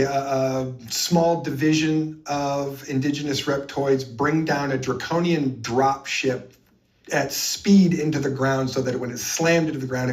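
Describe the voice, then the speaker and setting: An earnest man recounts his experiences as an interview guest, leaning hard on key points between frequent ums. His voice sits in a mid range and sounds a little distant from the microphone. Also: mid-range voice. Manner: earnest, emphatic, with many fillers.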